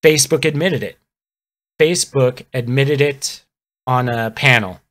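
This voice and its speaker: A man's voice: medium pitch, measured pace, fairly bright tone. A man on a live stream, ranting about politics in a heated, sarcastic way. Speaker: livestreamer.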